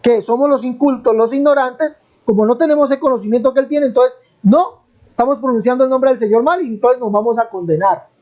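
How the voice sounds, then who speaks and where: Pressing his argument and asking the same question over and over, a Colombian man teaches the Bible in a live online debate, his Colombian Spanish accent marked by preachy emphasis and drawn-out stresses. His very high voice is a little mellow, with the highs cut off.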